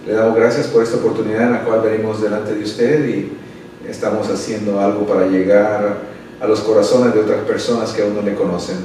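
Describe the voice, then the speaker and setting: In interview answers and prayer, a middle-aged pastor from El Salvador speaks earnestly and unhurriedly, often using tag questions, though his pace is a little fast. His voice is on the low side and warm, with little pitch movement. The echoey room, the mic set a bit far off, and a little hiss or hum come through.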